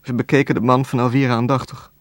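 A man reading a novel aloud as narrator, in a calm, even storytelling voice with a dry wit. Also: medium pitch, fast, no room sound. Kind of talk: scripted audiobook narration.

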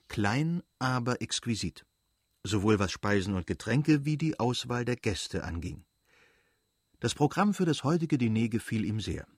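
A man giving a measured, even audiobook narration. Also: mid-range voice, slightly rough, no room sound, studio quality.

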